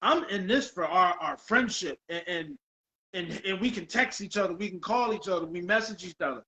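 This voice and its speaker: A middle-aged man hosting a casual interview over a video call, excitable, exclaiming and repeating himself. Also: high-pitched, moderate pace, low-quality recording. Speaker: podcast host.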